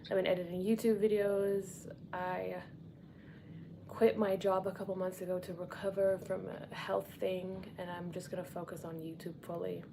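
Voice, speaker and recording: A woman entertainment reporter chatting casually to her vlog audience at home. She often drops into a soft whisper. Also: on the low side, little pitch movement, normal speed, gravelly. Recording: noticeable background noise.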